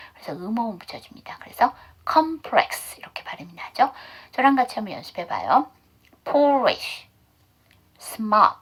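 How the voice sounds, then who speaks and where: A woman teaches pronunciation over a video call, walking through each sound step by step. She asks her students quick questions and answers them herself. Her voice is fairly high and a little husky. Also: a bit bright. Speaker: English teacher. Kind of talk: online pronunciation lesson.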